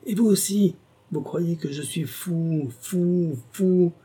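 A man's voice: medium pitch, normal speed, husky, natural voice. A man voicing a tormented old gambler who believes he sold his soul, speaking with impassioned, feverish intensity in an audiobook reading. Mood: raging. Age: older. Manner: impassioned, swings from grave confession to raging shouts.

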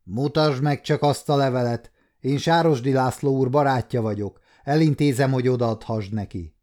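A man's voice: mid-range voice, a little mellow, close to an everyday voice. A man doing a sneering scheming nobleman. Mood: domineering. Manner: commanding, sneering. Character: scheming nobleman, domineering and mocking.

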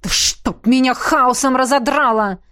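A woman voicing an impatient, hot-tempered young man who shouts orders. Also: sits high, measured pace. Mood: shouting.

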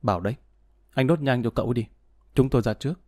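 A man voicing a terse, composed male former soldier who speaks bluntly and low-key. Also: fast talker, darkish tone, dry recording, clean studio sound, natural voice.

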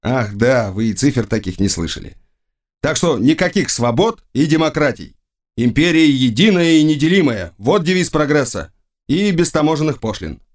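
A man's voice: mid-range voice, animated, moderate pace, lightly acted. A man voicing a blunt, sardonic male emperor for an audiobook, with firm pronouncements. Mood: lecturing. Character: imperious young male emperor, blunt and mocking. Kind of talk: audiobook reading.

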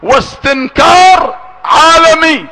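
A man with a very high voice preaches and chants a mourning lament. His tone is bright and forceful. He moves from brisk talk into slow, stretched-out chanting and now and then rises to a shout. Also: animated, poor audio. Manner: switches between quick speech and slow drawn-out chanting, sometimes shouting.

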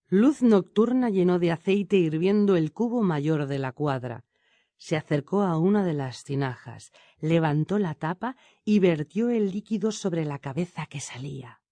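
A woman reading a storybook tale aloud in a steady, measured narration. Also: on the low side, no room sound.

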